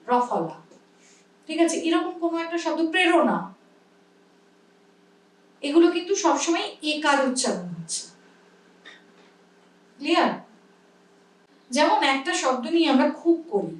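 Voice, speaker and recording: A woman with a Bengali accent teaching pronunciation in a workshop. She explains patiently and often checks that her students understand. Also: high-pitched. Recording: echoey room, mic at a distance.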